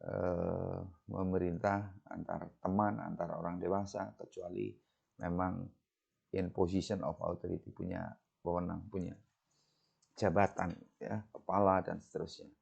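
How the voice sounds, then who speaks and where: A man's voice: sits low, level tone, a little slow, vocal fry, darkish tone, breathy edge. A man with an Indonesian accent teaching English grammar, patiently explaining in a bilingual lecture and reading the English examples aloud. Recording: dull lo-fi recording.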